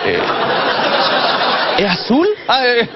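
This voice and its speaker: A man's voice: sits high, animated, moderate pace. A man with a Chilean accent doing a mocking stand-up comedy routine on stage. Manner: mocking, sings song lines in exaggerated voices. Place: comedy stage before a live audience. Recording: muffled live show recording, loud crowd and noise.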